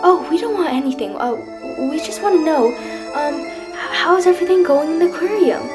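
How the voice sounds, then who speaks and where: A woman playing an excitable young boy adventurer in a children's storybook. His voice is high and quick to jump up. Background music runs throughout. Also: heavily acted. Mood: nervous. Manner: excitable, nervous stammer.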